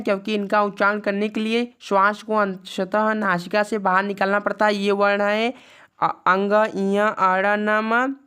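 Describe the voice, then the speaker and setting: A woman's voice: mid-range voice, fairly bright tone, smooth. Woman teacher. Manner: recites letter lists slowly and repeats rules. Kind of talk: recapping a grammar lesson.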